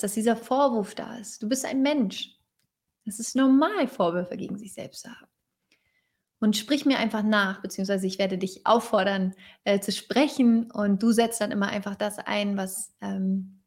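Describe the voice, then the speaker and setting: A woman leads a guided tapping meditation at a medium pitch, with a gravelly fry in her voice. She gives calm, repetitive prompts for the listener to repeat and sometimes drops to a soft whisper.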